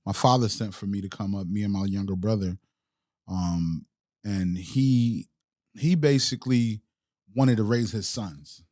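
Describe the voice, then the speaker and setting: Speaking slowly in a lowish, slightly mellow voice, he reflects in street slang and keeps restarting his thoughts. He's a podcast guest and entrepreneur, born in Haiti and raised in the US, in a casual interview, captured in clean studio sound without echo.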